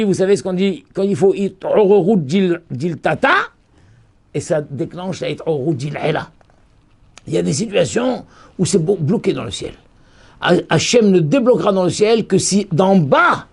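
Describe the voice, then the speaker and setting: A male rabbi teaching a Torah lesson in a high, lively voice that climbs and falls widely. His tone is husky with a gravelly edge. He hammers points home by repeating phrases, and his volume swings from loud calls to near whispers.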